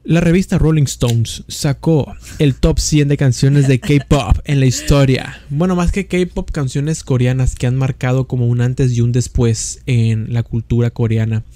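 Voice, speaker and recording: A man's voice: mid-range voice, steady tone, a little slow, hardly any pauses, dark tone. A man with a northern Mexican accent co-hosting a podcast in casual chat, slangy and rambling, often repeating himself. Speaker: podcast co-host.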